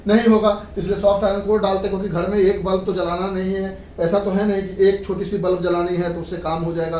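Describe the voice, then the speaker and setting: In a classroom physics lecture, a woman with a mid-range, slightly mellow voice explains material instructively, restating points, checking understanding and mixing in English terms. Background noise and room echo are audible, with the mic placed at a distance.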